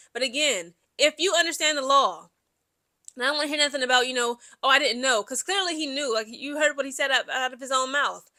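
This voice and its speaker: A woman's voice: sits high, pushed and bright. A woman vlogger giving blunt, emphatic opinion commentary, stretching out and repeating words for emphasis.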